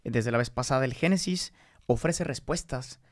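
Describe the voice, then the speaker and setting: A man's voice: medium pitch, normal speed, dry recording, clean studio sound. A man co-hosting a podcast, talking in a casual, reflective way. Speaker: podcast co-host.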